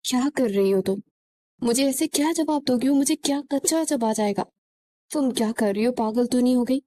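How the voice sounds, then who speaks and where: A woman's voice: sits high, warm tone, dry recording, close to an everyday voice. A woman playing an anxious young friend. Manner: urgent, scolding.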